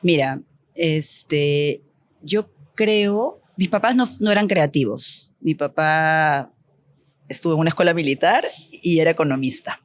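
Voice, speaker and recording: A woman from Peru, a designer being interviewed, telling her story in a lively, candid way. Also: low-pitched, measured pace, no room sound. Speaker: guest designer. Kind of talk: casual interview chat.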